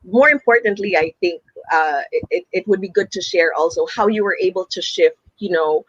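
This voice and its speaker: Host: man, late forties, bright sharp voice, chatty, dull dry recording. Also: high-pitched, moderate pace, no echo. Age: late 40s. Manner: chatty, upbeat, laughs often. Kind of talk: interview talk show.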